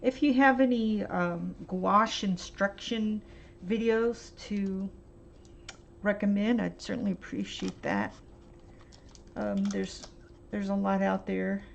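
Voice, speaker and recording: A woman's voice: medium pitch, fairly even intonation, creaky. A woman chatting her way through a paint swatching demo at home, rambling and hesitant with lots of ums. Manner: rambling, hesitant, fills pauses with um and uh. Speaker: art vlogger. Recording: dull lo-fi home recording, faint hiss.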